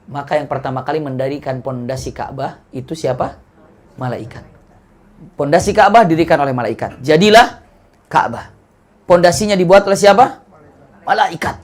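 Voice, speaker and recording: Animated young preacher with a lilt. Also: male voice. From Indonesia. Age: young adult. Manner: animated storyteller who acts out dialogue with swings in pitch and loudness. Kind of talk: sermon.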